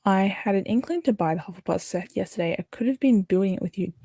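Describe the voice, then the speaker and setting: A woman's voice: mid-range voice, expressive, quick pace, warm tone, dry recording. A young Australian woman chatting casually on a livestream, rambling and correcting herself as she answers viewer comments. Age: young adult. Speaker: livestream host.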